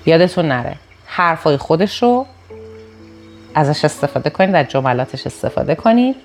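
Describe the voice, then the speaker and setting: Low-voiced woman teaching sales. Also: sing-song, faint music behind. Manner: acts out customer lines in quick voices; conversational, explanatory. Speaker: sales trainer. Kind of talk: informal spoken lesson.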